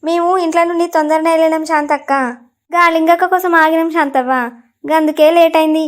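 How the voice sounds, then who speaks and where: Woman playing village labourer woman, Telangana accent, apologetic, high voice. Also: level tone, fast talker. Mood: explaining. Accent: Telangana Telugu.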